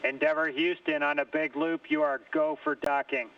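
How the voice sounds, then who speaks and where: A man at mission control speaking brisk, formal calls over a radio link to the spacecraft. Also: on the high side, wildly swooping pitch, vocal fry, muffled recording. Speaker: mission control capsule communicator. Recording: distant radio transmission.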